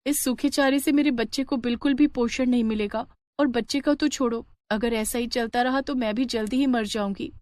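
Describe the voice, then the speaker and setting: A woman's voice: fairly high pitch, steady tone, moderate pace, few pauses, a little mellow, no echo, clean studio sound, voice pushed up, natural voice. A woman narrator voicing a weak, despairing pregnant cow with a mournful delivery.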